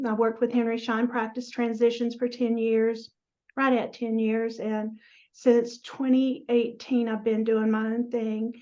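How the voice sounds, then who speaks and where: A middle-aged woman with a Southern American accent speaks conversationally as an advisor being interviewed. Her voice sits a bit high with very little pitch movement, and the video-call audio is slightly muffled. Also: a little mellow. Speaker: guest, practice transition advisor. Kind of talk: casual interview chat.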